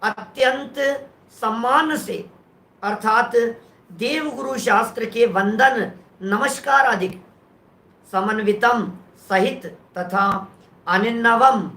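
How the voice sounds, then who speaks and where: A man's voice: extremely high pitch, slow pace, pauses often, pushed and bright, roomy sound. A man giving a scriptural lecture, explaining patiently and asking the audience rhetorical questions. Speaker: scripture teacher.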